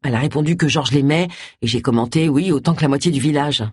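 A woman's voice: deep voice, fast talker, a little mellow, slightly rough, no echo. A woman reading aloud voices a cheeky, sardonic man with a dry, teasing way of talking.

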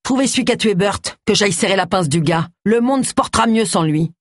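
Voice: mid-range voice, expressive, brisk, no room sound, clean studio sound, voice pushed up, close to an everyday voice. The audiobook narrator voicing a coarse, hostile village blacksmith with a raised, harsh, snapping delivery. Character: gruff hulking village blacksmith man, hostile. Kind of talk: audiobook character voice.

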